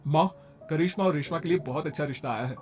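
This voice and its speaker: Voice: mid-range voice, fast, a little mellow, natural voice. The storyteller voicing a firm, protective elder brother in a cartoon story, speaking in an instructing manner. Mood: kindly. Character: stern elder brother, protective but quick-tempered young man.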